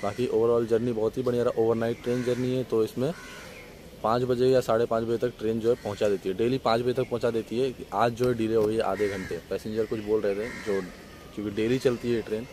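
A man's voice: mid-range voice, flat delivery, quick pace, low-quality recording. A young man in his twenties narrating a casual travel vlog to a phone camera held at arm's length, chatting with viewers on a train and then on a station platform. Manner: chatty, talks straight to camera, addresses viewers as friends. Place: inside a moving train, later outdoors on a station platform. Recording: loud train and outdoor noise behind.

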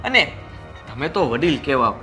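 An actor playing a young son and husband who calmly tries to soothe his upset mother in a film drama. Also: mid-range voice, moderate pace, soft background music. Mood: placating. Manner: soothing, placating.

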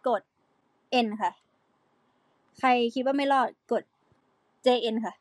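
A woman's voice: sits high, slow, dry recording. A young woman, an idol singer, chatting casually with fans on a live stream, explaining song parts and breaking into short sung snippets. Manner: chatty, playful, sings snippets between explanations. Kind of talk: casual live-stream chat with singing demos.

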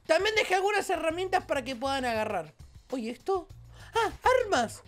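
Excitable high-voiced Rioplatense woman gamer. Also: moderate pace, soft background music. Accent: Rioplatense Spanish. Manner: excitable, playful, exclamatory. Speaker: gaming channel host. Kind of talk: Let's Play commentary.

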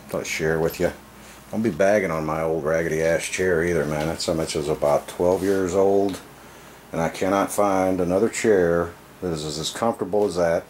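A man with a low-pitched voice films a relaxed tour of a small gun room inside his home on a handheld camera he operates. His narration is offhand and vlog-like, full of folksy, salty, self-deprecating slang, with a little hiss or hum underneath.

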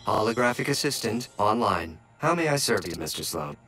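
A man voicing an overly smooth, servile male holographic AI assistant who flatters his master, in a video game. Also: lowish voice, normal speed. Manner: too smooth, fawning, flattering. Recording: echoey and distant with game music behind.

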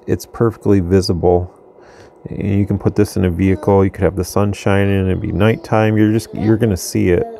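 A man with a lowish voice and vocal fry shows off a radio at the workbench in his home radio room, as a reviewer doing a casual demo. He's relaxed, thinks out loud, and restarts sentences, with slight noise in the background.

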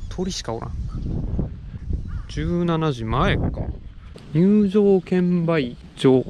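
Lively young man with a Kansai accent. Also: on the high side, very slow. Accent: Kansai Japanese. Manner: chatty, musing aloud to himself. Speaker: motorcycle touring vlogger. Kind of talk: casual solo travel vlog commentary. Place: outdoors, riding a motorcycle and walking a seaside town. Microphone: action camera with external mic, helmet-mounted or handheld. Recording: outdoor noise, traffic and wind.

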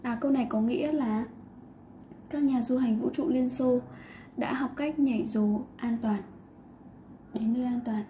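A woman's voice: a little high, fairly even intonation, unhurried, long pauses, warm tone, a little hiss or hum. A woman teacher explaining an English lesson, patiently mixing English words into her talk.

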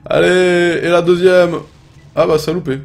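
A young French man giving casual, excitable commentary while playing a game, swearing often and talking to his viewers. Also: high-pitched, unhurried, gravelly. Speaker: gaming video host.

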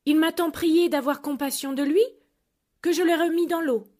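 A woman's voice: high voice, fairly even intonation, moderate pace, a little mellow, pitched above the performer's own voice, close to an everyday voice. A woman voicing a poor, meek old fisherman who obeys his wife.

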